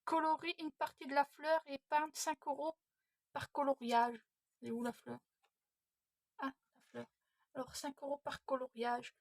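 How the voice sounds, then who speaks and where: A woman's voice: high-pitched, level tone, normal speed, pauses often, no echo. A woman in her thirties, a budgeting vlogger, thinking aloud and muttering to herself at home while she works through savings challenges. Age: 30s. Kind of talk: casual self-talk while doing savings challenges.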